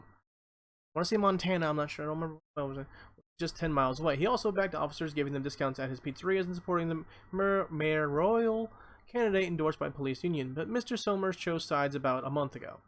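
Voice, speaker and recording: A man's voice: a little high, animated, quick pace, poor audio. A man live streaming, reading a news article aloud and breaking off with blunt, profane commentary, often stumbling over words.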